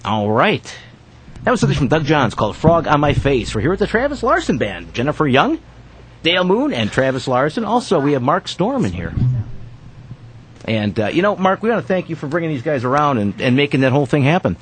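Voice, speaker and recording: A male radio host in the studio, his pitch riding up and down as he banters and cracks jokes with his guests. His voice sits a little higher than most men's. He keeps things loose, casual and playful. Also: very animated, brisk, breathy edge. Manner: jokey, teasing, laughs often. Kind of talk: casual on-air chat.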